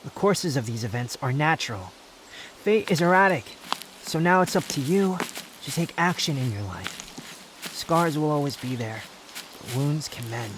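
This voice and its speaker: A man playing an aloof, brooding young male wanderer, haughty yet tender, in a measured, pensive roleplay ASMR monologue. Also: fairly high pitch, lively intonation, background noise, close to an everyday voice. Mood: firm encouragement. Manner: measured, pensive, dramatic pauses.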